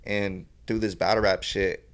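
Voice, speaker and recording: A man's voice: low voice, steady tone, normal speed. A young man from California talking casually as a podcast guest, rambling and laid-back with lots of swearing and fillers. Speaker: podcast guest, battle rapper.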